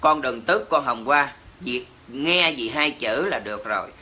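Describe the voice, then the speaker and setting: A man's voice: medium pitch, animated, measured pace, pushed and bright. A man with a Southern Vietnamese accent, ranting indignantly to his livestream viewers, cursing and exclaiming as he talks. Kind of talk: heated livestream rant.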